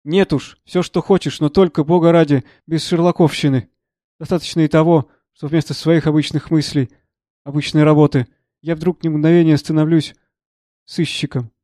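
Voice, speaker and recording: A man reading the part of a troubled, gentle elderly professor who speaks earnestly and with agitation. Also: on the high side, steady tone, moderate pace, dry recording, clean studio sound, natural voice.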